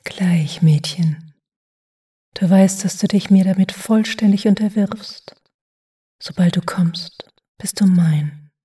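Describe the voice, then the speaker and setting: A woman voicing a commanding, possessive dominant woman who gives soft, half-whispered orders. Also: mid-range voice, slow, breathy edge, far from the mic, voice pushed up.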